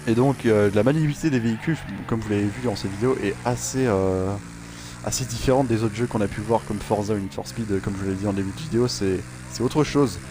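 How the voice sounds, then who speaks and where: A man's voice: fairly low pitch, fast, background noise. A man casually commentating over his own racing gameplay, rambling and joking with many fillers and restarts. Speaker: gaming channel host. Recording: game sounds and music behind.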